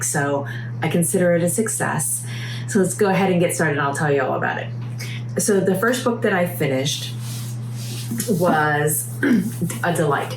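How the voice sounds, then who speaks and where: A woman with a scratchy voice from being sick, chatting casually about books as a reviewer, enthusiastic and searching for words with emphatic repeats. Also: lowish voice. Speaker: book reviewer and vlog host. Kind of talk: casual book review chat. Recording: roomy echo, clear background noise, hum.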